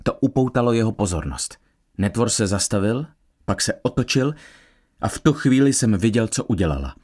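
A man reading a novel aloud as an expressive first-person audiobook narrator. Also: fairly low pitch, slightly rough. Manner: expressive storytelling.

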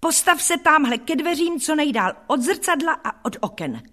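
A woman voicing a spoiled, cruel boy who taunts and shouts, in an audiobook reading. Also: low voice, big pitch swings, slightly rough, pitched below the performer's own voice, exaggerated voice. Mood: scornful.

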